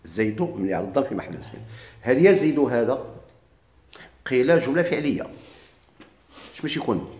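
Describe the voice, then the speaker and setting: A man with a Moroccan Arabic accent teaching Arabic grammar in a classroom lecture. He asks questions and answers them himself, and drags out his examples slowly. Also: mid-range voice, big pitch swings, darkish tone. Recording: echoey room.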